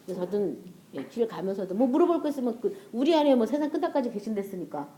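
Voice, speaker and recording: Mellow-voiced woman preaching conversationally. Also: on the high side, big pitch swings, fast talker. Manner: conversational, acts out prayers and inner voices, laughs often. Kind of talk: sermon.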